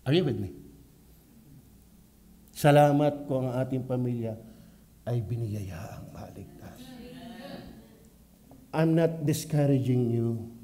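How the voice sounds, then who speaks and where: A man with a Batangas accent, a pastor preaching at a church prayer meeting, swinging from quiet asides to loud exclamations. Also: mid-range voice, slow pace, pauses often, a little hiss or hum. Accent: Filipino, Batangas.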